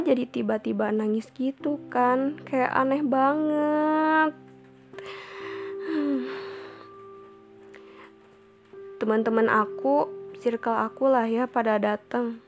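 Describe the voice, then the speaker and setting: A teenage girl casually telling a personal school story in an animated, expressive way. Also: fairly high pitch, slow pace, pauses often, soft background music. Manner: animated, expressive retelling with acted quotes.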